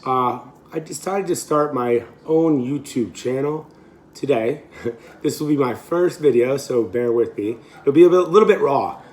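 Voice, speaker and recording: A man in his thirties with a raspy, throaty voice, hoarse from a recent illness, chatting casually and off the cuff to camera as a fitness vlogger. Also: medium pitch, measured pace, a little mellow. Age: 30s. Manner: informal, rambling, unscripted. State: hoarse, getting over being sick.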